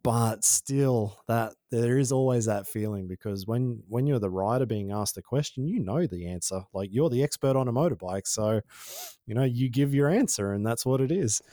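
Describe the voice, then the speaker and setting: An Australian man, a podcast guest and former freestyle motocross rider, chatting in a relaxed, rambling, slangy way. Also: medium pitch, moderate pace, no echo, studio quality. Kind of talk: casual conversation.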